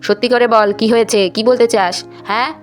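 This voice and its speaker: Woman playing a strict mother, scolding, quick-talking, higher pitch, puppet storybook. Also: fairly even intonation, soft background music, close to an everyday voice. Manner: scolding, stern questioning.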